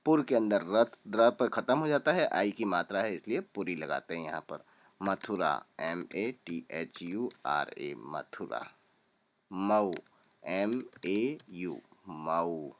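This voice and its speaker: A young man with a low-sitting voice teaches a spelling lesson, calmly spelling names out letter by letter and repeating each one.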